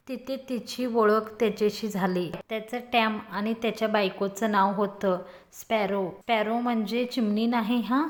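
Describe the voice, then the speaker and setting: A woman's voice: mid-range voice, close to an everyday voice. A woman voicing a playful, scheming young man who talks in a teasing, mock-dramatic way.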